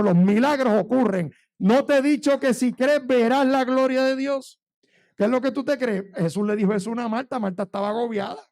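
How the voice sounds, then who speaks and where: A male pastor preaches to his church, weaving a fervent personal testimony and calling his listeners brother. His voice sits high for a man, with a gravelly, creaky edge. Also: a little mellow.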